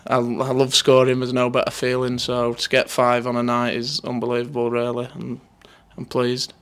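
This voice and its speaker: This post-match interview features a footballer in his 20s with a Northern English accent, speaking casually and matter-of-factly. His medium-pitched voice is monotone and moderately paced. He's indoors by a sponsor board, a handheld interview microphone held near him.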